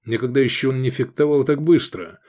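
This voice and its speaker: A man giving steady, vivid scripted narration of an action novel. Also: mid-range voice, fairly quick. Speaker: audiobook narrator.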